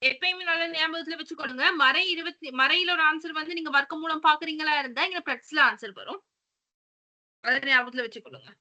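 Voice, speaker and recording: Bright high-voiced woman teaching maths. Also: fairly quick. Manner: patient, step-by-step, mixes English terms. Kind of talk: online class explanation.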